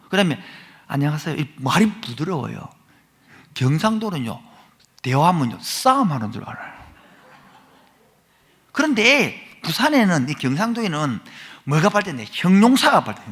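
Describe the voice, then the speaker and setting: A male pastor with a Gyeongsang accent, preaching a sermon and often putting questions to the congregation. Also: a little high. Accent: Gyeongsang Korean. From Gyeongsang province, Korea. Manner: animated preaching, asks the crowd questions. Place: church sanctuary. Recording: long reverb of a church hall.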